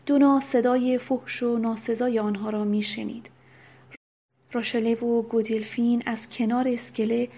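A woman narrating a novel in a soft, unvoiced whisper with steady, even reading. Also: a little high. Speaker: audiobook narrator. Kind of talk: whispered storytelling.

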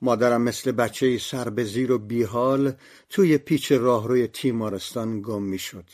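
A man's voice: mid-range voice, a little mellow. A man narrating a memoir-style audiobook in a somber, reflective, scripted manner.

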